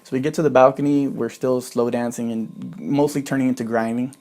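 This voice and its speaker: A man's voice: mid-range voice, steady tone, fairly quick, darkish tone. A man in his twenties telling a personal story in a casual monologue, chatty, with lots of "like" and swearing. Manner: chatty, swears often, fills with "like".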